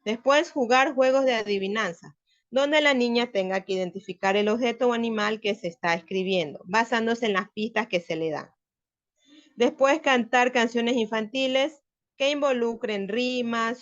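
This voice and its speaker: A woman student giving a class presentation, her voice set a little high. She reads her points aloud and explains them one by one. The sound is dull and lo-fi.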